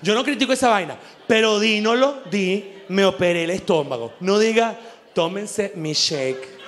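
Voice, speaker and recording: A man with a Venezuelan accent doing an animated, crude stand-up comedy monologue, acting out little voices as he goes. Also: high-pitched, moderate pace, a crowd in the background. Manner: animated, crude, laughs often, acts out voices. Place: live show venue.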